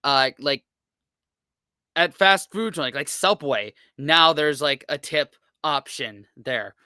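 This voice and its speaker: An American man with a slightly high voice hosts a reaction video, taking it slowly in a pushed, bright, smooth tone. He rambles in a laid-back way with lots of fillers, and the recording is dry with clean studio sound.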